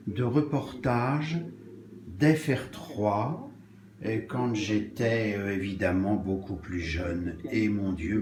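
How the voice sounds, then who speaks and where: A man's voice: mid-range voice, roomy sound. A man narrating his video diary at home in a wistful, self-mocking way. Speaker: vlogger.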